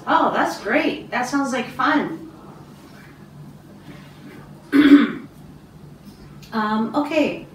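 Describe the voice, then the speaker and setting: A middle-aged woman from Canada, an English teacher giving a speaking test, slow and encouraging with many ums and throat clears. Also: high voice, lively intonation, slight background noise. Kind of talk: slow, patient test interview. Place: small classroom office, indoors. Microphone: far camera. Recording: roomy, distant camera sound.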